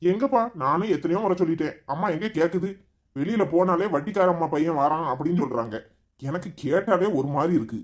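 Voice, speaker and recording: A man voicing a gentle pleading young husband. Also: a little high, animated, fast talker, close to an everyday voice. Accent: Tirunelveli Tamil. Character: mild young husband, peacemaking son.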